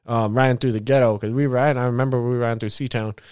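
A young man from Southern California telling stories from his youth in a laid-back, slangy, profane way, full of shout-outs to old friends. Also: mid-range voice, fairly even intonation, quick pace, clear, resonant tone, dry recording, studio quality. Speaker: vlogger. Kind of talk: casual storytelling monologue.

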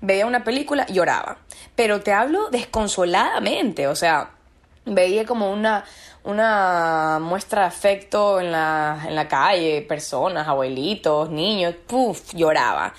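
A woman's voice: fairly low pitch, expressive, measured pace. A woman as a podcast guest, talking about her own experience in an earnest, searching way and repeating words for emphasis. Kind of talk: reflective personal conversation.

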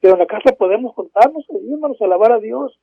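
High-voiced fervent male preacher. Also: animated, quick pace, gravelly, husky, no room sound. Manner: fervent, repeats "hermanos" and bursts of "gloria a Dios, aleluya". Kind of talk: sermon. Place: at home. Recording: dull, dry lo-fi recording.

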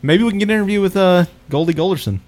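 A man's voice: sits high, rapid-fire, darkish tone. A man hosting a podcast in an informal, rambling chat style. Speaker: podcast host. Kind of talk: casual chat.

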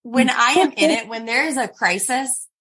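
A woman in her thirties co-hosting a casual podcast, telling a personal story in a candid, expressive way. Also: a little high, moderate pace, a crowd in the background. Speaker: podcast co-host. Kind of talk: casual chat.

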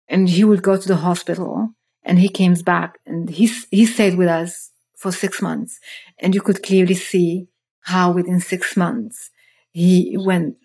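Her voice is on the low side with a darkish tone: a startup founder from Morocco, in her thirties, sharing her story on a podcast. She comes across as earnest and reflective, often restarting.

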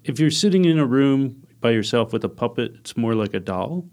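A man's voice: mid-range voice, animated, a little fast, a little mellow. A man guest in an interview, with a mid-range voice. He answers reflectively and briefly, letting his sentences trail off. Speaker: guest, artist and puppet maker.

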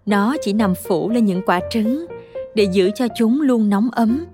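A woman voicing a gentle, loving mother in a storybook reading, softly and patiently explaining. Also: a little high, normal speed, over music, natural voice. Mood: tender.

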